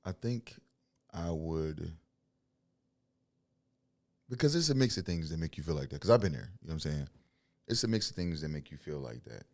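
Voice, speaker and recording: Young dude with a real low voice talking faith in an interview, blunt, kinda preachy, laughs a lot. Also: male voice, sing-song, normal speed, pauses often, darkish tone, no room sound. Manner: blunt, preachy, tells stories, laughs often. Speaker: guest, signed music artist. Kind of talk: faith-centered interview talk.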